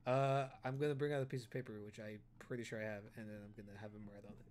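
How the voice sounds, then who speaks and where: A man playing a tabletop game, eager and quick, often tripping over his own restarts. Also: fairly low pitch, a little mellow. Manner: rapid, eager, stumbling restarts. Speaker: player.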